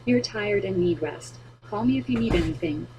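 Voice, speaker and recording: A woman voicing a calm, concerned male police officer in an animated story, measured and firm. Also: medium pitch, a crowd in the background, close to an everyday voice, low-quality recording.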